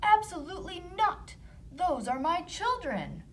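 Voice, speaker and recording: A woman voicing a gentle, protective male woodcutter, mild but emphatic, in a children's storybook. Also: extremely high pitch, very animated, unhurried, a little hiss or hum, pitched above the performer's own voice, full character voice. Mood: firm refusal.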